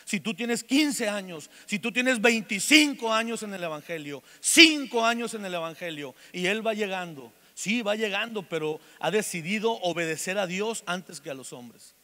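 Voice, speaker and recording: In a church meeting hall, a man in his forties with a Mexican Spanish accent preaches a sermon, weaving jokes and stories between earnest calls to forgive. His high-pitched voice is expressive, pushed and bright, at normal speed with hardly any pauses, and the large hall echoes around him.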